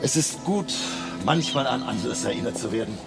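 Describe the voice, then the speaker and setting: An actor playing an elderly, eccentric professor in a German radio drama, emotional and courteous, theatrical and ruminative with rhetorical questions. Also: male voice, medium pitch, lively intonation, moderate pace, gravelly, over music. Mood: gentle, reflective. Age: older.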